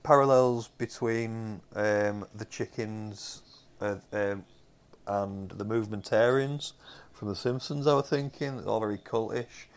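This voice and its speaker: A young man with a Northern English accent, his voice low and full of gravelly fry. He talks casually about television, wandering through his points with frequent ums and self-corrections. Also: unhurried. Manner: rambling, many fillers and restarts. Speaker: podcast co-host. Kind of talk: casual chat reviewing TV episodes.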